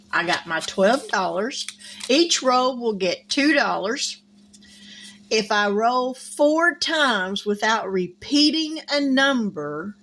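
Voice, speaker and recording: Slow-talking woman, folksy. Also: medium pitch, a bit bright, a little hiss or hum. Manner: chatty, folksy, says y'all. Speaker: savings channel host. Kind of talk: casual chat to viewers. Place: at home, indoors.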